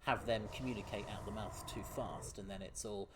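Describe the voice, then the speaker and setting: Over a noisy background, a man with a fairly low, steady voice talks fairly quickly while streaming a game. He chats casually with viewers, laughs frequently, reads chat aloud and occasionally fumbles his words.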